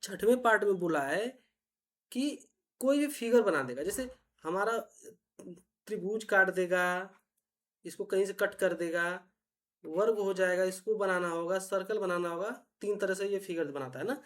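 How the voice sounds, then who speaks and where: A woman teacher, patiently explaining reasoning puzzles step by step and often asking if it is clear. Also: medium pitch, normal speed. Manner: patient, repetitive, checks understanding often.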